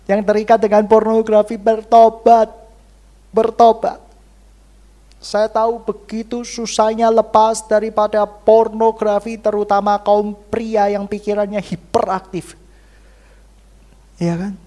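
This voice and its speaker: A woman pastor preaching a church sermon, swinging between loud exclamations and hushed near-whispers. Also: medium pitch, little pitch movement, measured pace.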